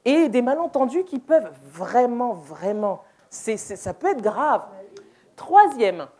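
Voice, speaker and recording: Brief: woman, higher voice, unhurried church workshop presenter, playful, laughs often, restarts her phrases. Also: very animated, a little mellow. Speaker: deaf ministry presenter. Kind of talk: interactive church workshop talk. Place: church hall, indoors.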